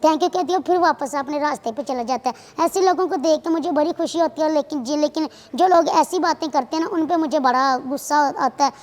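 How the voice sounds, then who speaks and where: High-voiced young woman. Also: fairly quick, few pauses. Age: 20s. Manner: earnest, chatty storytelling. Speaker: guest. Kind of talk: casual interview talk. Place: TV studio. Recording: long hall reverb.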